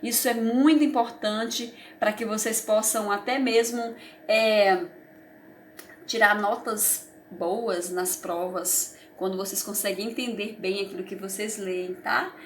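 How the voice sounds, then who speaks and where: A woman primary school teacher with a Brazilian Portuguese accent takes it slowly in a mid-range, steady voice as she reviews a lesson for young children, with slight background noise. Patient and encouraging, she often checks they follow along.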